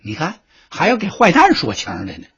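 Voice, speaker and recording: A man telling a story in the traditional pingshu style, with a lively, theatrical delivery. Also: on the high side, brisk, breathy edge. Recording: dull lo-fi recording.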